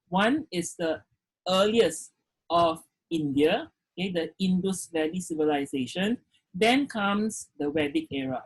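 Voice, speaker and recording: Husky-voiced man lecturing online. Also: high voice, poor audio. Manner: frequent "okay" fillers, questions students directly. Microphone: video call.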